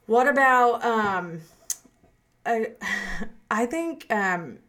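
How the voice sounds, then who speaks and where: A woman co-hosting a podcast, talking in a chatty, animated way with lots of filler words. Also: a little high, extremely slow. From Southwest Arkansas. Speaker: podcast co-host. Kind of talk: casual chat.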